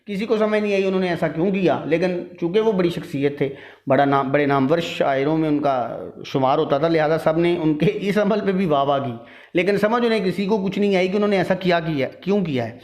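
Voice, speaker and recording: A man's voice: a little high, darkish tone. A man teaching a literature lesson, explaining a text word by word and sounding tired from long talking. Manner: explains each word and line step by step.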